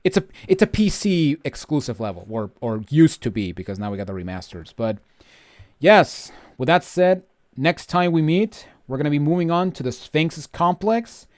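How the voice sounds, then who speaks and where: A man's voice: a little high, animated, moderate pace, a little mellow, no echo, studio quality. Informal man doing game walkthrough commentary. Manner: informal, grumbling, rambling. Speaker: video game walkthrough host. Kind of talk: casual gameplay commentary.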